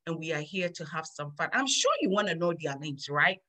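Middle-aged female kids' class host, bright tone, upbeat and repetitive, on a video call. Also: deep voice, animated, a little fast. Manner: warm, upbeat, repeats phrases to children. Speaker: children's Sunday school host. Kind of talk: teaching kids over video call.

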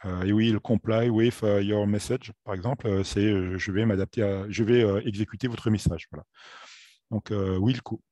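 A French-speaking man giving a video lesson on aviation, talking in a halting way with many fillers and self-corrections. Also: fairly low pitch, fairly even intonation, warm tone, no echo. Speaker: aviation theory instructor.

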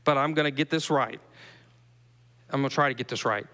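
A man's voice: medium pitch, a little fast, bright, forceful tone. A pastor with a Southern US accent giving a conversational sermon to his congregation, asking them questions as he goes. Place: church sanctuary. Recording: long reverb of a church hall.

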